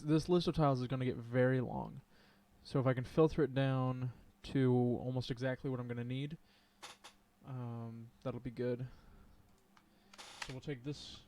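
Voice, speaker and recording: A man's voice: mid-range voice, warm tone. A man streaming live as he codes, thinking aloud and chatting with viewers, with plenty of ums and hesitations. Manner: rambling, thinks aloud, says um a lot; chats and laughs with viewers. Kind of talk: live coding stream commentary.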